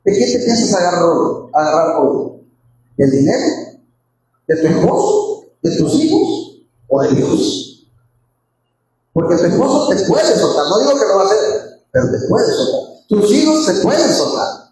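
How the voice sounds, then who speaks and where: A man's voice: high-pitched, very animated, a little slow, pauses often, a little mellow. A man preaching a Sunday sermon, fervent and repeating his phrases, calling his listeners brothers. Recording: very echoey hall, faint background noise.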